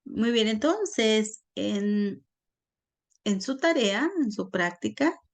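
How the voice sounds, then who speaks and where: A woman teaching a grammar lesson online, explaining slowly and patiently and checking in often with her students. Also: on the high side, lively intonation, vocal fry. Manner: slow, patient, checks in with frequent "¿sí?". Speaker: Spanish teacher.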